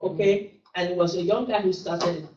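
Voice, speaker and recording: A middle-aged woman with a Nigerian English accent teaches a classroom lecture, chatty in style and regularly checking in with "okay." Her low-leaning voice is mellow and steady, at a moderate pace. The recording is roomy, distant, and dull.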